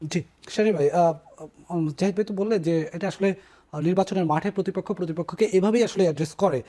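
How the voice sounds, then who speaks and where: A man's voice: sits high, fast talker, dark tone. A man hosting a political talk show, asking guests questions with hesitant filler sounds.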